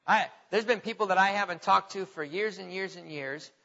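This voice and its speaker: A man preaching a sermon and reading scripture aloud, stretching his words and swinging from loud emphasis to quiet asides. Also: sits high, moderate pace, creaky. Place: church sanctuary. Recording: reverberant hall, dull lo-fi sound.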